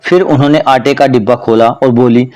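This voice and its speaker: A man telling a household story in narration, reading every character's lines in the same even voice. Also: medium pitch, a little fast.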